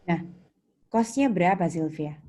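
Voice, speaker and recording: In a noisy recording punctuated by keyboard typing, an Indonesian-accented accounting lecturer runs an interactive class. Her voice is low and mellow, a bit slow, with lively intonation, as she explains material and quizzes her students.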